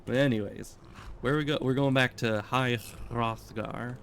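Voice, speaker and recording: Male streamer, mid pitch, rambling live commentary with restarts. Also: steady tone, unhurried, fairly bright tone, slight background noise. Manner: rambling, thinking aloud, many restarts. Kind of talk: casual gameplay commentary.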